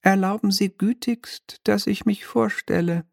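A man's voice: high voice, fairly even intonation, measured pace, vocal fry, no echo, clean studio sound, pitched above the performer's own voice, full character voice. A man reading an audiobook, voicing an oily, pompous male demon bailiff from hell with unctuous, mock-polite formality.

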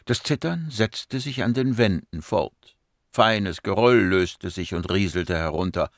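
A man narrating an audiobook in a measured storytelling voice that slows for dramatic moments. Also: lowish voice, lively intonation, no room sound, clean studio sound. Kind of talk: scripted narration.

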